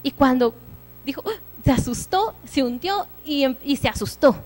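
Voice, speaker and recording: A woman's voice: high voice, expressive, normal speed, a little mellow, soft background music. A woman giving a church sermon, preaching earnestly and conversationally with personal stories.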